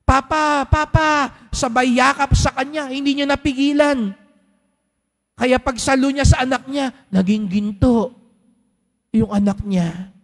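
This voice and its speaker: Priest, male, very high voice, chatty storytelling sermon, long church echo. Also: measured pace, long pauses. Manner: conversational storytelling with rhetorical questions. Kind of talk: Sunday homily. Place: large church. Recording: long church hall reverb.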